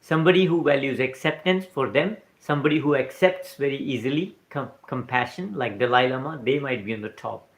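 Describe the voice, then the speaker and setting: A man's voice: medium pitch, brisk, few pauses. A man with an Indian accent speaks on a casual livestream, in English that is not his first language. He rambles from point to point, often checking in with "right?" and replying to viewers' comments as they come in. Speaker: livestream host. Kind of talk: casual spiritual talk on a livestream. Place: live stream recorded in New Zealand.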